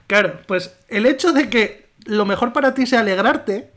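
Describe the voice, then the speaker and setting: A man's voice: high-pitched, a bit bright. Guy on a podcast, takes his time making a point, lots of "eh" and "a ver". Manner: deliberate, argumentative, with pauses and fillers. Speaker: podcast co-host. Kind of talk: casual chat.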